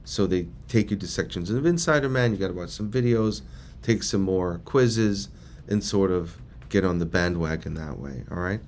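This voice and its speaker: A man's voice: deep voice, expressive, normal speed, a little mellow, slight background noise. A man leading a training session, talking to a group in a casual, rambling, conversational way. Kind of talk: casual informal presentation to a group.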